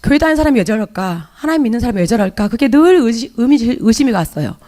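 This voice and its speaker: Speaking fast in a fairly high, dark, expressive voice, a woman with a Jeolla Korean accent tells a congregation her own faith story. Her confessional, emotional testimony is broken up by hesitant fillers and restarts.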